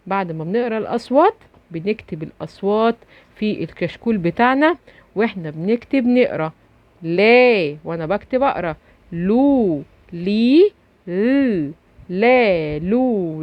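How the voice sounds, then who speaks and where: A woman teacher with an Egyptian accent, giving a children's phonics lesson and slowly drawing out and repeating syllables. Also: mid-range voice, no echo. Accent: Egyptian Arabic. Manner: slow drawn-out syllable drilling with repetition. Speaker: primary school teacher. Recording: dry, slightly dull lo-fi recording.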